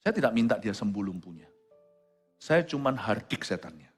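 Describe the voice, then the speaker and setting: Man preaching, lively swinging pitch, English phrases mixed in, long reverb, faint music behind. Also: normal speed, husky. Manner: switches between quiet storytelling and loud exclamations. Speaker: pastor. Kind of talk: sermon.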